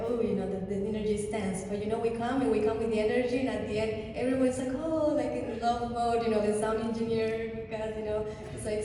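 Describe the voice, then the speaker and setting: Chilean spanish accent lady, chatty guest, lots of restarts, mellow voice, big echoey hall, bit of hiss. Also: medium pitch. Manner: animated, many fillers and restarts. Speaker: guest artist. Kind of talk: casual talk to an audience. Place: church hall. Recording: distant echoey hall with faint noise.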